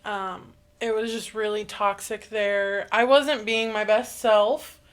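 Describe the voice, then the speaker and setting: A woman in her twenties from Indiana, co-hosting a podcast in casual chat, candid and quick when excited. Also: medium pitch, clear, resonant tone. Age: 20s. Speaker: podcast co-host.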